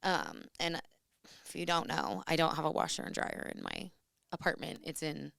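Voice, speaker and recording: Lady in her 30s, bit raspy from a cold, low-ish smooth voice, dry sound. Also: moderate pace, no echo. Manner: animated storytelling. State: slightly hoarse after illness. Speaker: podcast co-host, hairstylist. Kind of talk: casual chat.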